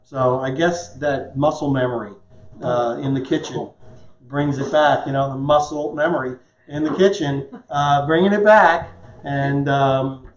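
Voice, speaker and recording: A man in his fifties, a chef and show host, presents a live cooking demonstration at home in his kitchen in a relaxed, conversational, joking manner. His medium-pitched voice is a little slow, and the sound is muffled and echoey.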